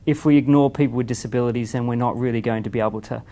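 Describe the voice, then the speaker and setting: Fast-talking gravelly man. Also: mid-range voice, fairly even intonation, dark tone. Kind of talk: advocacy statement.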